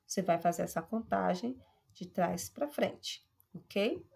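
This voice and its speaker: A woman teacher, giving a patient lesson and stretching out example words slowly. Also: lowish voice, gravelly, a little mellow, husky. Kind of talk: classroom lesson on syllables.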